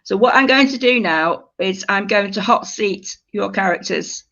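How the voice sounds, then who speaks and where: Leading a creative writing workshop, a woman gives her group polite, slightly hesitant instructions in a conversational way. Her mid-range voice moves at a normal pace with a slightly bright tone. The audio is dull and lo-fi.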